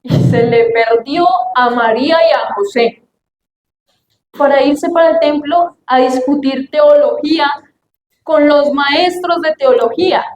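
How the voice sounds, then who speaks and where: A young woman with a high voice delivers a sermon, acting out family voices as she tells lively stories. Her voice rings in an echoey room. A faint ambient hum sits behind her. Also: unhurried. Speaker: youth preacher.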